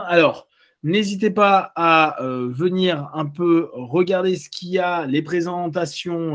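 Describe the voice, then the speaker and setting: Man hosting an interview, brisk. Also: a little high. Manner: brisk, encouraging, short acknowledgements. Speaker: interviewer and channel host. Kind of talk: presenting an interview.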